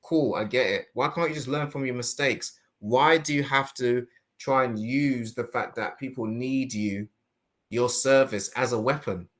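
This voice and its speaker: A man hosting a casual podcast discussion, talking in animated rhetorical bursts. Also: mid-range voice, a little slow. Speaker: host.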